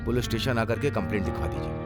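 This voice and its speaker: A man dubbing a stern, upright police inspector in a film, calm, formal and firm. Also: on the low side, racing, lightly acted. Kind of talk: Hindi film dub. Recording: film soundtrack with loud music.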